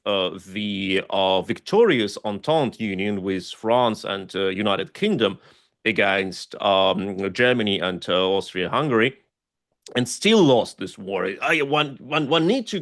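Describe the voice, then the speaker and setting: A man's voice: on the low side, fairly bright tone. A man from Russia, not a native English speaker, answering interview questions earnestly and hesitantly, with many fillers as he lists historical examples. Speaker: guest scholar and activist.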